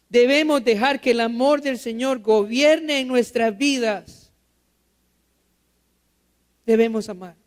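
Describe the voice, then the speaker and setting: A man's voice: very high voice, clear, resonant tone. A male pastor preaching a sermon in church. He quizzes the congregation with rhetorical questions and repeats key phrases for emphasis.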